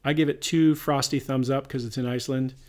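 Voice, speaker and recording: Male podcast co-host, quick delivery, casual rambling review chat. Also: medium pitch. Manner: rambling, restarts, animated when retelling scenes.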